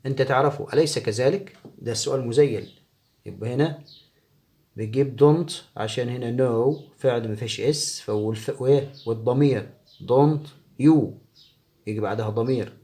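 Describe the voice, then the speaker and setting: Egyptian teacher drilling English examples. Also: male voice, medium pitch, warm tone. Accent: Egyptian Arabic. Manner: explains in Arabic, reads English examples slowly and clearly. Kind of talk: exam review lesson.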